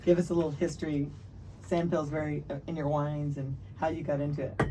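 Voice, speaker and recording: A woman's voice: deep voice, flat delivery, brisk, warm tone. A woman hosting a podcast in casual chat, bubbly and enthusiastic. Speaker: podcast host. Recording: distant mic, faint noise.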